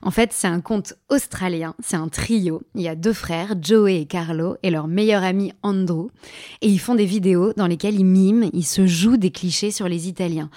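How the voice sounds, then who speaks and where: A woman's voice: fairly low pitch, moderate pace, mellow. A woman hosting a podcast in a casual, enthusiastic monologue, sharing recommendations and thanking listeners. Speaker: podcast host.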